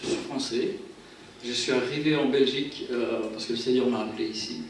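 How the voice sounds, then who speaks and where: In a church hall with heavy echo and slight background noise, a man from France, a pastor who plays guitar, introduces music to the congregation. His mid-range voice is brisk and fairly even in intonation, and he is picked up far from the mic. He talks informally, joking at his own expense and hesitating often.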